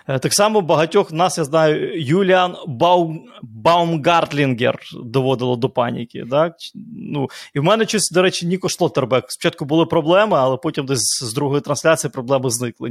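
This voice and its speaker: A man who works as a football commentator, co-hosting a casual podcast chat, rambling and correcting himself as he talks. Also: on the high side.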